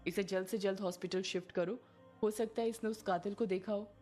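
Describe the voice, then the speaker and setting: A woman's voice: mid-range voice, fairly even intonation, brisk, a little mellow, soft background music, lightly acted. A woman voicing a firm, commanding woman police officer who gives orders and thinks aloud. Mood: stern.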